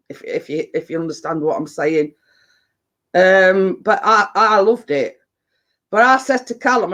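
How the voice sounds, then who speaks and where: A fairly bright, high-sitting male voice. The speaker hosts a livestream with a Yorkshire accent, rambling casually and heavy on dialect with viewers, chesty and congested while he recovers from a cold and chest infection.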